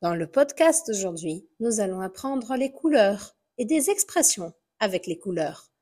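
A woman's voice: mid-range voice, very animated, a little slow, mellow. A woman hosting a language lesson podcast as a teacher. She speaks carefully and repeats words for listeners to copy. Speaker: French teacher and podcast host.

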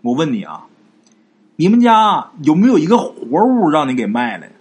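A man voicing a shrewd, calm old male folk healer who speaks slowly in a low, knowing tone. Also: breathy edge. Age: older.

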